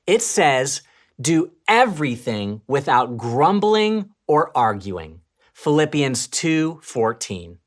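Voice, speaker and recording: Here the same kind of low female voice, moving slowly, co-presents a scripted children's church lesson. Her pitch ranges widely while she tells the story, shifting from excited to hushed.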